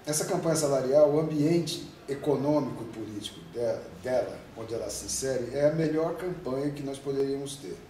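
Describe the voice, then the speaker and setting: Mellow and mid-range, this man's voice runs a little fast with hardly any pauses. He's a Brazilian union president in his fifties, answering interview questions at length in an emphatic, rambling way and posing rhetorical questions throughout. The audio is echoey and distant, with faint noise.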